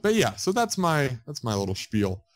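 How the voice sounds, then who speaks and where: A young man co-hosting a casual gaming podcast over a headset. He jokes a lot and restarts his sentences in rushed bursts. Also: medium pitch, very animated. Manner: joking, talks in rushed restarts. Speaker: podcast co-host. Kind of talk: casual chat.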